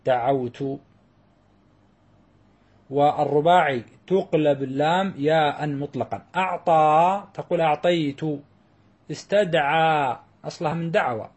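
A man's voice: a little high, darkish tone, husky. A man teaching a grammar lesson, explaining step by step and drawing out the example words.

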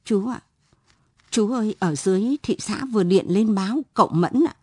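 A woman's voice: mid-range voice, moderate pace, darkish tone, husky, dry recording, clean studio sound, close to an everyday voice. A woman voicing a nervous housemaid who speaks hesitantly and deferentially in a storybook reading. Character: nervous housemaid delivering bad news.

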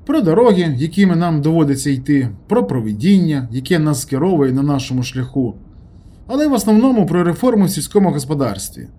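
A cheerful, carefree preacher, as a male audiobook reader puts him on, lifts his voice well above the narration and lets it swing freely. He answers breezily and loftily, with a husky edge to the tone. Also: a little high, big pitch swings, quick pace, dark tone, pitched above the performer's own voice. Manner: breezy, evasive, lofty.

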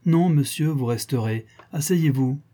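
A stern old-fashioned baron scolding his son in an audiobook reading, his voice pitched noticeably higher than the narrator's, firm and loud, as a male reader puts him on. The tone is dark and a little husky. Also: measured pace, lightly acted. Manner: commanding and reproachful. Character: stern aristocratic father, a baron.

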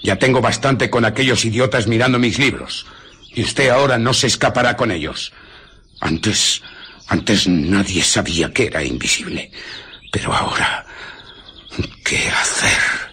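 An actor playing a menacing, domineering fugitive scientist who is invisible, speaking in threats and commands in a radio drama. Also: male voice, on the low side, unhurried, long pauses, bright, forceful tone, a little hiss or hum. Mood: threatening.

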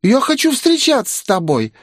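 A man's voice: extremely high pitch, huge pitch swings, normal speed, dry recording, studio quality, pitched above the performer's own voice, exaggerated voice. A man doing a tipsy, clingy young girl. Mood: clingy, playful. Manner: drunkenly affectionate, pouty. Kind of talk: audiobook character voice.

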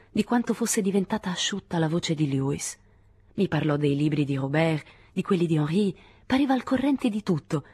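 Low, husky woman reading a novel. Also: darkish tone, no echo, studio quality. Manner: measured, intimate first-person reading. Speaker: audiobook reader. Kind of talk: literary audiobook narration.

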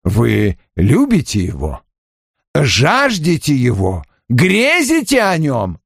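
Guy reading a bossy detective, dry and slow, kinda gravelly. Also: medium pitch, wildly swooping pitch, no room sound, voice pushed up, heavily acted. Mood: imperious. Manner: dry, measured, commanding. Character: stern portly male detective, imperious.

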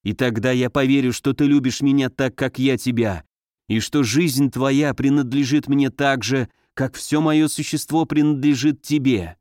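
A man's voice: medium pitch, steady tone, moderate pace, a little mellow, dry recording, clean studio sound, close to an everyday voice. A man doing an ardent young lover. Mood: pleading. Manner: urgent, insistent pleading. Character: ardent young man pleading with his beloved.

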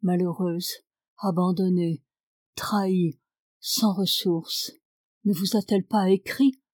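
A woman reading the part of a calm, authoritative man who speaks softly and with pity, in an audiobook. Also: on the low side, no room sound, clean studio sound. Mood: compassionate. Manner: soft, measured, compassionate.

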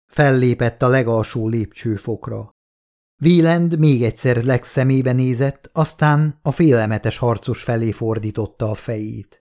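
A man reading an audiobook aloud, narrating in a measured, dramatic storytelling manner. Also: mid-range voice, darkish tone. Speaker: audiobook reader. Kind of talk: scripted narration.

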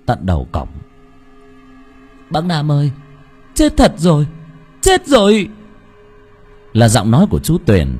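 A man's voice: lowish voice, a little mellow, slightly rough. A man narrating a dramatic story as an audiobook reader, with emotive delivery.

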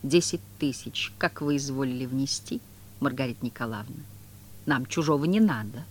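A reader voicing a sly, fawning male trickster who speaks in quick exclamations. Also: mid-range voice, a little hiss or hum, natural voice.

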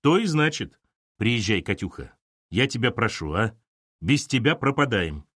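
A man's voice: medium pitch, very animated, moderate pace, fairly bright tone, no echo, studio quality. A man doing a blunt, pushy boss. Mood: pleading. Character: blunt older male colleague, gruff and pushy.

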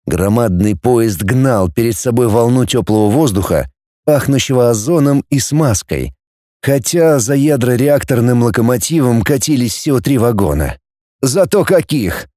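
A man narrates an audiobook, his voice soft and mellow as it rises and falls in lively storytelling. The recording is dry and close, with no echo around it. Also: medium pitch, normal speed. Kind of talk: scripted narration.

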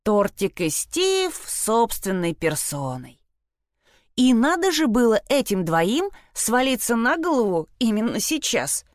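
A woman narrating a children's audiobook in a lively, dramatic way. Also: mid-range voice, no room sound, studio quality.

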